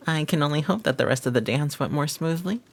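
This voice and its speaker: At normal speed, a performer with an expressive, medium-pitched voice portrays a flirty maid devoted to her listener. The scripted romantic audio roleplay has her gossiping and teasing in formal, flowery words, amused and gossipy in mood.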